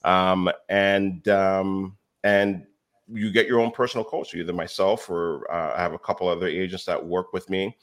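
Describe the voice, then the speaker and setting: A man with a deep, low voice speaks as a podcast guest. He tells his stories with energy, acting out the dialogue. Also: normal speed. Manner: animated storyteller, acts out quoted dialogue. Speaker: real estate education company founder.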